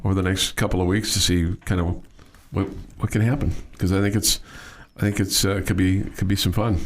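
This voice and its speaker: Deep-voiced, halting sports radio host. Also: male voice, flat delivery. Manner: halting, repeats words as he goes. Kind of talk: casual sports talk.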